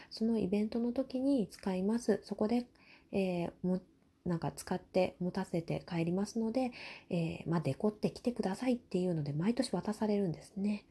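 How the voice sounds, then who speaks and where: A young woman hosting a personal talk show, chatting casually in a quiet, soft, breathy murmur at night about everyday life. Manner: quiet, murmuring low-voiced talk at night beside sleeping children. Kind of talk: late-night casual chat, telling everyday family stories.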